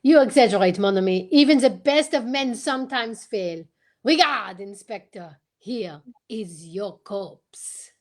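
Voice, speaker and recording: In this old-time radio mystery, the confident Belgian gentleman sleuth is voiced by a woman, pitched on the high side. The delivery is animated yet courteous, unhurried, and theatrical, laced with French expressions and carrying a calm, knowing air.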